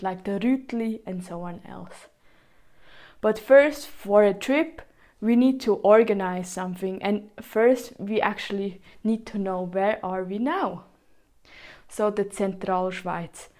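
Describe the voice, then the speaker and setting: Swiss german accent lady doing a chatty podcast, takes her time, english a bit halting. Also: mid-range voice, warm tone. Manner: speaks halting, non-native English with repetitions. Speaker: podcast host. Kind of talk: chatty solo podcast episode.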